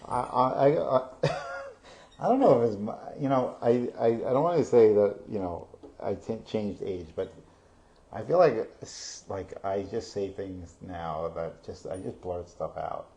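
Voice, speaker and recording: A middle-aged man with a lowish, mellow voice speaks at a measured pace while co-hosting a casual live chat about real estate stats. He rambles, using many fillers and restarts, and laughs often.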